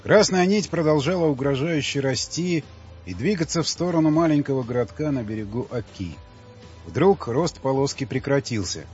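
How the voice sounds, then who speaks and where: A man narrating an audiobook in a dramatic, lowered voice. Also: normal speed, darkish tone. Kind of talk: scripted narration. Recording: slightly dull audiobook audio, faint music.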